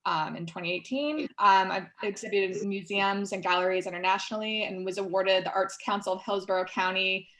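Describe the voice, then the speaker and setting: A woman's voice: medium pitch, steady tone, brisk, few pauses, fairly bright tone. A woman artist and educator introducing herself on a video call in an upbeat way. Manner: upbeat, laughs easily. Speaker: artist and panelist.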